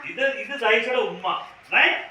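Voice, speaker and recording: Woman teacher with small kids, keeps repeating questions, very bright voice, echoey classroom heard from far off. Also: fairly high pitch, expressive, a little slow. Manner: coaxing, repeats questions, mixes in English phrases. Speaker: preschool teacher. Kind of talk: classroom activity with small children. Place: classroom, indoors.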